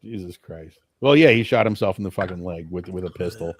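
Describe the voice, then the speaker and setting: A man's voice: sits low, fairly quick, a little hiss or hum. A young man from Oregon co-hosting a casual late-night podcast, telling stories bluntly and swearing freely. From Portland, Oregon. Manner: storytelling, profane, blunt. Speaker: podcast co-host.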